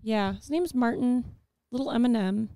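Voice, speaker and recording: A woman's voice: on the high side, moderate pace, mellow, no room sound, studio quality. A young woman co-hosting a casual podcast chat, chatty and playful, giggling and teasing her friends.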